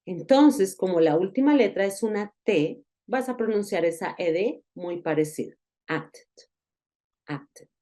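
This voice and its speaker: A woman giving a recorded online lesson, explaining patiently and repeating example words slowly. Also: mid-range voice, expressive, mellow. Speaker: English teacher.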